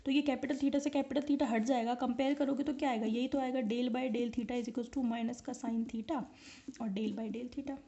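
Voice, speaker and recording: A woman's voice: fairly high pitch, fairly even intonation, measured pace, dark tone, muffled recording. A woman teaching an online physics lecture, explaining step by step and often checking whether students follow. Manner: explains step by step and keeps asking the class if they follow.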